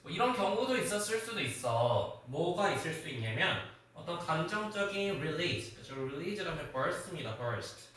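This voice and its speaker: Lively male teacher in an echoey classroom. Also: fairly high pitch, a little slow, hardly any pauses, recorded from a distance. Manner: animated, quizzing students by name, sometimes scolding. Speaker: high school English teacher. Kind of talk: classroom lecture.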